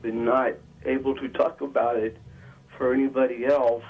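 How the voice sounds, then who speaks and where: A man calling in, arguing earnestly and haltingly, sounding emotional and close to tears. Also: medium pitch, level tone, slightly rough. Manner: earnest, hesitant. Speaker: caller. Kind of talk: halting call-in argument. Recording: dull radio-like phone line.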